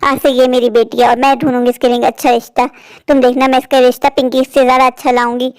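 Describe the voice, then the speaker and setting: A woman's voice: high voice, little pitch movement, fast talker, smooth, no room sound, natural voice. A woman voicing a righteous, outspoken neighbor aunt in a cartoon story, lecturing and indignant. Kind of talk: cartoon voice acting.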